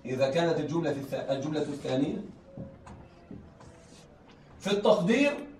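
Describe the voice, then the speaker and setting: A man teaching a class at a quick clip, his voice fairly high. He keeps asking the room whether they are following and repeats key phrases. He is recorded from a distance in an echoey room with faint noise behind. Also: expressive, darkish tone. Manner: checks often that students follow, repeats phrases. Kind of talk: classroom lesson on Arabic rhetoric. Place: classroom with students.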